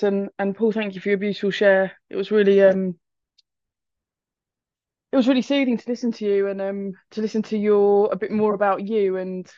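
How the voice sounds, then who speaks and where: Hesitant woman with a flat voice. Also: mid-range voice, dry recording. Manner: hesitant, full of ums. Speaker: member sharing at a recovery meeting. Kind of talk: hesitant personal share. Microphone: video call. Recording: slightly dull video call audio.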